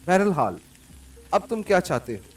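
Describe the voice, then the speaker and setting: A man's voice: sits high, big pitch swings, normal speed, husky, exaggerated voice. A man reading an audiobook, raising his voice to play a defiant young woman who leads a spy gang, from a distant mic over faint music. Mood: sulky. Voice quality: pleading, then sulky and sharp.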